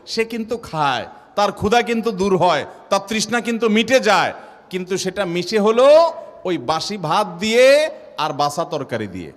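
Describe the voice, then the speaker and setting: Impassioned preacher with colloquial Bangladeshi Bengali. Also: male voice, sing-song, moderate pace. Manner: storytelling with repeated rhetorical questions; swings between soft, low lines and loud, raised outbursts. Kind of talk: sermon. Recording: long hall reverb.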